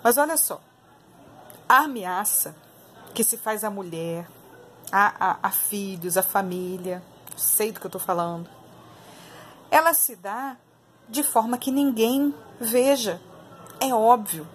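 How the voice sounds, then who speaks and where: Speaking slowly with frequent pauses, this Brazilian woman has an animated, mid-range voice and a Brazilian Portuguese accent. She's an online political commentator delivering opinionated, emphatic remarks to her viewers in a casual way, repeating phrases to drive points home.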